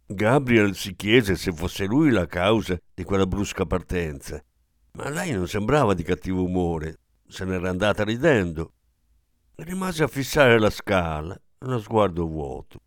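A man narrating a literary novel as an audiobook, measured and expressive. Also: deep voice, no echo, studio quality. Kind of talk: audiobook reading of literary fiction.

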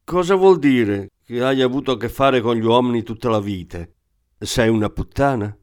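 A man's voice: mid-range voice, normal speed, a little mellow, clear, resonant tone, natural voice. A man voicing a crude, hot-tempered male thief from the Rimini area who blusters and swears. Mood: curious. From Rimini area, Italy. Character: crude excitable small-time male thief.

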